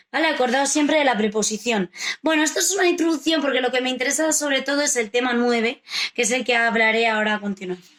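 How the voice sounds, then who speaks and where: High-voiced woman teacher explaining to children. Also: a bit bright. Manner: explains patiently, asks rhetorical checks like "vale?". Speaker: primary school teacher. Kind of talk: recorded remote lesson for children.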